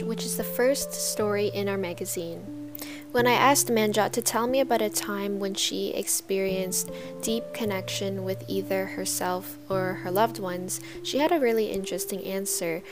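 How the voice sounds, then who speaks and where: A woman's voice: medium pitch, normal speed, over music. Earnest young Canadian woman hosting a podcast. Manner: earnest, with frequent ums. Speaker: podcast host. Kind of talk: scripted podcast introduction.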